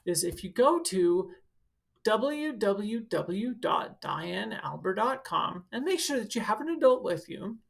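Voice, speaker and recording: Her voice is medium-pitched, sing-song, and gravelly, and she reads a little slowly. This school counselor shares a picture book aloud with children, stopping for casual teaching asides addressed straight to them.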